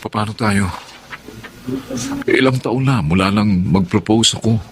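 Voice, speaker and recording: A man's voice: lowish voice, unhurried, background noise, natural voice. An actor playing a frustrated fiancé in his thirties who firmly presses his partner to choose. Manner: firm, pressing. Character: Romel, frustrated fiancé demanding a decision.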